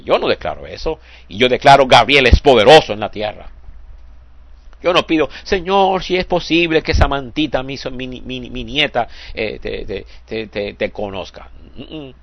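Give me an older man preaching a fervent sermon, mid-pitched and dry. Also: dry recording, lo-fi sound. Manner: fervent, repeats "hermanos santos" with a soft drop at phrase ends; stumbles and repeats words when moved.

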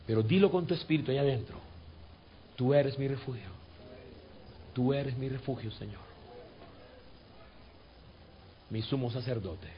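A man with a fairly high voice preaches and leads prayer as a pastor. He drills the same scripture lines over and over, rising to fervent outbursts and then falling to a gentle murmur. The recording sounds dull and lo-fi. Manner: builds to fervent peaks, then drops to soft coaxing; repeats phrases and drills scripture. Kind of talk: sermon with guided prayer.

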